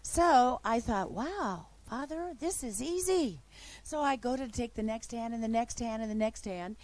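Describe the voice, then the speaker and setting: Animated woman preacher telling a story. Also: a little high, moderate pace. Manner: animated, swings from hushed to loud and excited. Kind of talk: sermon testimony storytelling.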